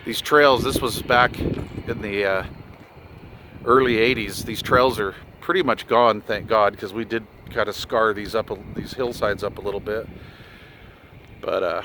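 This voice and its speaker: A middle-aged hobbyist vlogger chats off the cuff outdoors on a hillside road beside his vehicle, mixing vlog talk with radio chat. His medium-pitched voice is steady and unhurried, and his manner is laid-back, folksy, and slangy. Wind and vehicle sounds fill the recording.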